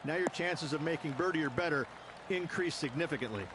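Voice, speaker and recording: A man acting as a golf analyst for video game commentary. His voice sits fairly high for a man, and he explains in a conversational way over clear background noise. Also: fairly quick, a crowd in the background, natural voice. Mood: approving, explanatory.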